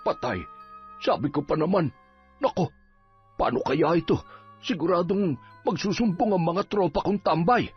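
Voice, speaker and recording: A man plays a nagging, joking village healer, his husky voice pitched a little high. The mix is dull and lo-fi, with faint music behind. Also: lively intonation, moderate pace, long pauses, full character voice. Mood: teasing. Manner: gruff, nagging, comic. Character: grumbling, teasing middle-aged male village folk healer. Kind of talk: Filipino audio drama acting.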